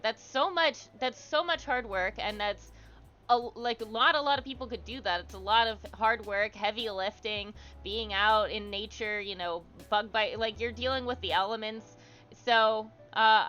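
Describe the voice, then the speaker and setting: A woman hosts a livestream, chatting casually with viewers and reading their comments aloud in an encouraging, supportive way. Her mid-range voice has a sharp tone and moves at normal speed.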